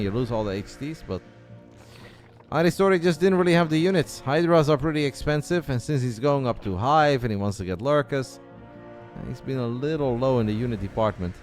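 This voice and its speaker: An excitable man calls a strategy game match alone, chatty and informal, tossing in asides to the viewers. His voice sits at an ordinary pitch. Game music plays clearly underneath the commentary. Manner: chatty, excitable, says mate and guys. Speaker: esports caster. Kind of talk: solo play-by-play commentary.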